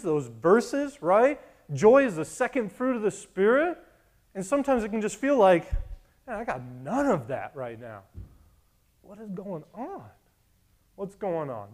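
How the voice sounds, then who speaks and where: A man's voice: a little high, a little mellow. A man preaching a sermon in a casual, conversational way, asking the congregation repeated questions. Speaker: pastor.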